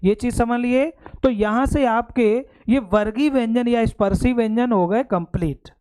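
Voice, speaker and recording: एक पुरुष हिंदी शिक्षक, जो परीक्षा की तैयारी के लिए कक्षा में समझाता है और बार-बार पूछता है कि बात समझ आई या नहीं।. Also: male voice, extremely high pitch, normal speed, darkish tone. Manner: explains step by step, keeps checking understanding; addresses students fondly as "beta". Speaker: Hindi teacher. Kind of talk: exam-prep classroom lecture.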